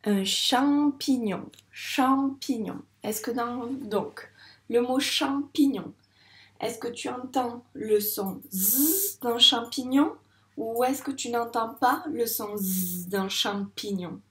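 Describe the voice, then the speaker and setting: A woman teaches a phonics lesson to young children at an unhurried, deliberate pace. She draws out each sound and syllable patiently and clearly. Her voice rings in an echoey room. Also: fairly high pitch, a bit bright. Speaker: first-grade teacher.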